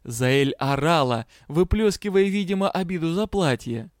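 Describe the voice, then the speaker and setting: A man reading a fantasy novel aloud in a lively, expressive narration. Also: fairly high pitch, measured pace, no room sound, clean studio sound. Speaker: audiobook reader. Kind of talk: scripted narration.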